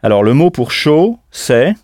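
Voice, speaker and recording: A man works as a language tutor in a scripted audio lesson, speaking slowly and spelling words out letter by letter. His mid-range voice has big pitch swings and a darkish tone, and the clean studio sound has no echo.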